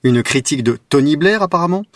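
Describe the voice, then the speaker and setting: A man hosting a radio show, narrating a scripted talk with a measured, wry delivery. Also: fairly high pitch, lively intonation.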